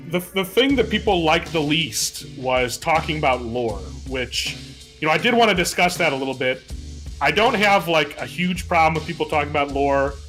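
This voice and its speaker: Higher, bright-voiced man musing aloud. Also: expressive, moderate pace, soft background music. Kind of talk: casual livestream chat.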